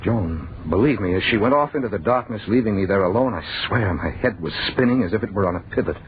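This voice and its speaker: An actor narrates in old-time radio style as a bewildered, frightened young man recounting his nightmare, halting and intense, repeating words in disbelief. His fairly low, natural voice is expressive, fearful and agitated, heard through a narrow, muffled old broadcast sound with slight background noise.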